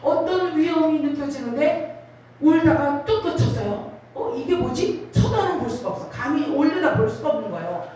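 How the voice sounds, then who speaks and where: A middle-aged woman preacher pours out a dramatic personal testimony, her fairly high voice swinging between hushed and soaring. She sounds set back from the mic in a big hall full of echo, with a faint hiss underneath. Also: animated, moderate pace. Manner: emotional, dramatic storytelling with sudden rises. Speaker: revival preacher. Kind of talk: sermon testimony. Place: large prayer retreat hall. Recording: very echoey hall, voice from far off.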